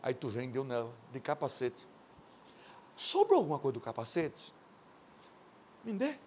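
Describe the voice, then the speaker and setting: A man hosting a TV show, delivering loud, mocking studio commentary, shouting at times and acting out quoted voices. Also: mid-range voice, huge pitch swings, moderate pace, slight background noise. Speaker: TV host.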